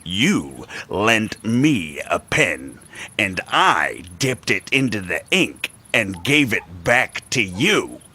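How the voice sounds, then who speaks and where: Cranky old clerk, slow husky talk, jumps way up in pitch when excited. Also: male voice, full character voice. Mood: fussy excited. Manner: fussy, excitable, sudden shouts. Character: grumpy old male studio clerk, pensioner. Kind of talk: game voice acting.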